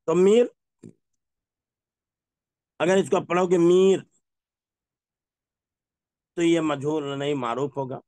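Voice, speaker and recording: Man, Urdu reading teacher, slow repetitive drilling, asks questions, fairly high voice, dry recording. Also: warm tone, no echo. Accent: Pakistani Urdu. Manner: repeats words slowly and asks the class questions. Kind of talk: Urdu reading lesson, drilling word pronunciation.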